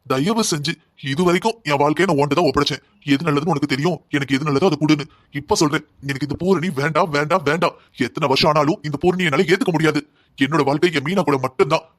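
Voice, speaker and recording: A man's voice: a little high, fast, lightly acted. A young man voicing a stubborn, resentful husband in a cartoon drama, speaking harshly and defiantly. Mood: pleading prayer.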